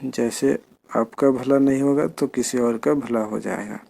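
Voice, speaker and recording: A man's voice: mid-range voice, steady tone, unhurried, gravelly, dark tone, breathy edge. A man teaching children to read, spelling out each word syllable by syllable. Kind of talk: slow spelling lesson for children.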